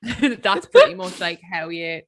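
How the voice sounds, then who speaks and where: A woman's voice: medium pitch, wildly swooping pitch, measured pace. A woman in her twenties co-hosting a podcast over a video call, chatty and teasing and swearing freely. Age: 20s. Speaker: podcast co-host. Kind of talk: casual chat.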